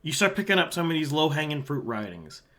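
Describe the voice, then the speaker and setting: Talking fast with big pitch swings, a fairly high-voiced man from Halifax, Canada, walks viewers through an election forecast map despite a sore throat. As an election analyst and channel host, he stays casual and conversational, pointing at the map and dropping quieter asides.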